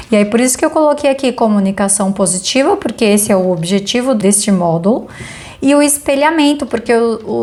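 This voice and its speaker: A woman with a fairly high voice gives a parenting course lesson. She speaks earnestly, turning often to the listener with rhetorical questions. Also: darkish tone. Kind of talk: course module lecture.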